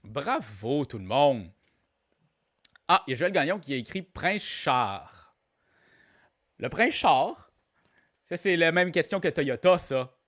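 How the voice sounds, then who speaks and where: A man with a Québécois French accent hosts a live online trivia round, reading every question twice and teasing the players. His voice sits a little high for a man and swings widely in pitch. He sounds playful and jokey throughout. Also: sing-song, measured pace, long pauses, fairly bright tone. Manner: playful, jokey, repeats each question aloud. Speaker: trivia quiz host.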